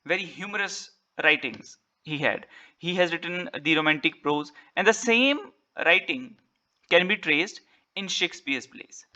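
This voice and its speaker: Indian guy teaching online, high bright voice, talks fast, keeps asking "right?". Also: lively intonation. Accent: Indian English. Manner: mixes Hindi and English, explains patiently with repeated "right?" and "ठीक है". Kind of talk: online exam-prep lecture.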